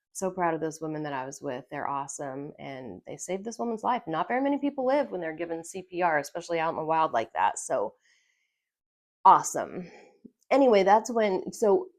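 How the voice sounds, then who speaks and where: A middle-aged woman with a low voice shares a personal story on camera. She speaks earnestly and with feeling, often pausing, restarting and repeating words as she goes. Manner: emotional, earnest, halting with fillers and repetitions. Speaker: vlogger.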